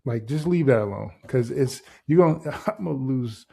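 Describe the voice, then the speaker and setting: A man hosting a trading channel, walking through a chart in a loose, casual way and tossing in "right?" and "boom" between steps. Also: lively intonation, moderate pace, gravelly, mellow, slightly rough. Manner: loose and conversational, heavy on filler words like "right?" and "boom". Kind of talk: casual screen-share trading walkthrough.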